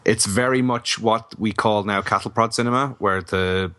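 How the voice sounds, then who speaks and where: Low, bright-voiced man, dry critical podcast reviewer. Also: fairly even intonation, normal speed, dry recording. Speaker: podcast co-host, film reviewer. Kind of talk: casual film review chat.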